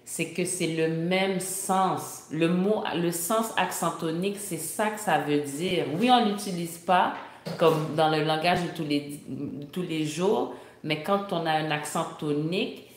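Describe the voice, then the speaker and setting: A woman's voice: low voice, roomy sound. A woman insistently explaining word meanings in a casual debate over translation.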